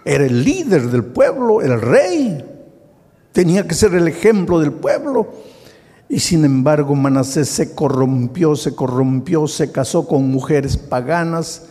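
A man's voice: a little high, expressive, a little slow, breathy edge. Preaching man in a reverberant hall. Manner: storytelling preacher, swings from loud to hushed. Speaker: pastor. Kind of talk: sermon.

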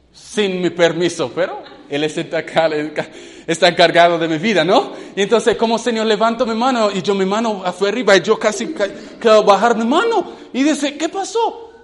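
High-voiced man preaching in a reverberant hall. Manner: questions the audience, halting non-native Spanish. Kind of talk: sermon testimony to youth.

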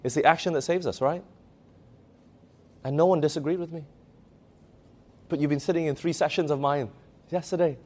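A man's voice: a little high, fairly even intonation, moderate pace, pauses often, darkish tone. A man preaching a sermon, emphatic, asking the audience questions and reading scripture aloud.

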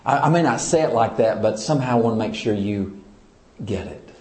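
A man's voice: medium pitch, fast, roomy sound. A man, a church leader, teaching in sermon style, asking his listeners questions and pressing his points with emphasis. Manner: asks the audience questions, lively and emphatic.

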